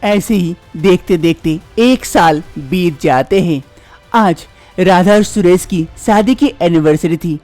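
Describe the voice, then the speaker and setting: A man narrating an animated story in a scripted, expressive storytelling manner. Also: sits high, slow, faint music behind.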